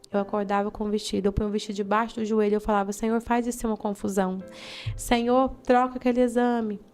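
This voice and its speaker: Uma jovem missionária com sotaque brasileiro dá seu testemunho pessoal com emoção, contando cenas vivas e imitando as falas das pessoas. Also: female voice, fairly high pitch, a little mellow. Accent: Brazilian. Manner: fervent, vivid storytelling with acted-out quotes. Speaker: missionary giving testimony. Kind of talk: emotional personal testimony in an interview.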